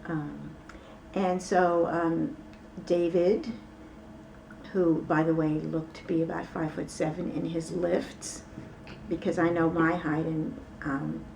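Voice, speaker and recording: A woman with a low, gravelly voice tells a long story in a loose, rambling way, stopping often for fillers and side remarks. She sits a little back from the mic, and a faint hiss of room noise runs under her words. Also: little pitch movement, slow pace, darkish tone, far from the mic, poor audio. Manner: rambling, with many fillers and asides. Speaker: interview guest. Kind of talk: casual storytelling.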